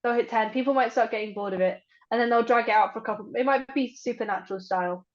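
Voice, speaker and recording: A woman's voice: a little high, quick pace. Chatty young woman on dull lo-fi audio. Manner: chatty, hedging, many fillers. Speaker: podcast co-host. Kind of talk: casual chat.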